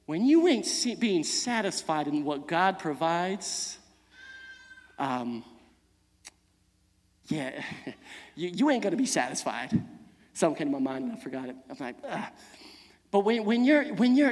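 A very high-voiced man preaches a sermon, his tone rising and falling in lively swings between loud calls and hushed asides. He repeats words and quizzes the congregation as he goes. A long church reverb trails after his voice. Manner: repeats words and asks the crowd questions. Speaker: pastor. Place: church hall.

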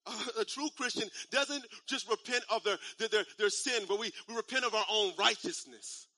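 A man in his thirties preaching a sermon in a conversational style, repeating phrases and using casual slang, building up to shouts. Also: sits high, normal speed, no room sound. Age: 30s. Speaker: pastor.

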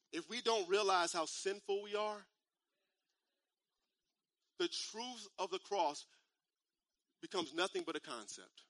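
A man in his thirties preaching a sermon in a conversational style, repeating phrases and using casual slang, building up to shouts. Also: sits high, no echo. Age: 30s. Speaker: pastor.

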